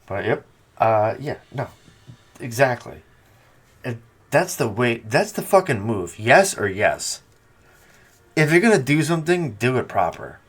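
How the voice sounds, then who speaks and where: A man's voice: medium pitch, very animated, a little slow, long pauses, husky. A man hosting a podcast in casual chat, teasing and swearing a lot. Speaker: podcast host.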